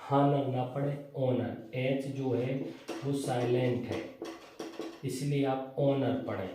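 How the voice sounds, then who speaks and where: A male English teacher giving a grammar lesson in speech, who asks the class questions and answers them himself. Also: mid-range voice. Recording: echoey room, voice from far off, faint noise.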